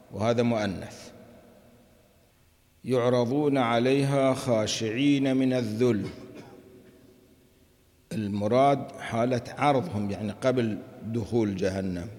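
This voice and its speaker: Man, Quran commentary lesson, warm low voice, long hall reverb. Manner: reads verses slowly, then explains in a mix of formal and colloquial Arabic. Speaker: Quran teacher.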